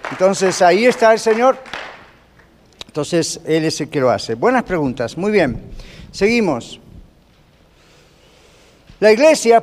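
A man's voice: fairly high pitch, a little mellow. A male pastor teaching a sermon in a conversational way, often asking the congregation questions and dropping English fillers into his Spanish. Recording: long hall reverb.

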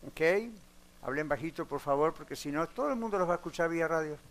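A man's voice: fairly high pitch, animated, fast talker, a bit bright. A man preaching a sermon in a church, speaking earnestly and putting direct questions to the congregation, with a few English words mixed in. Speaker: pastor. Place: church sanctuary. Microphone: broadcast on radio and online.

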